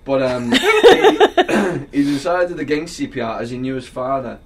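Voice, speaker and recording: A man's voice: fairly high pitch, big pitch swings, unhurried, gravelly, crowd noise. An Irish man telling a news story in casual chat, laughing as he goes and swearing freely.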